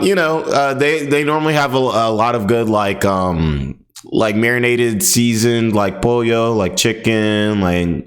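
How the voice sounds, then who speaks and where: A man hosting a commentary video, talking in a laid-back, rambling way, full of fillers and laughs. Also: medium pitch. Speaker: commentary channel host. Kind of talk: casual commentary.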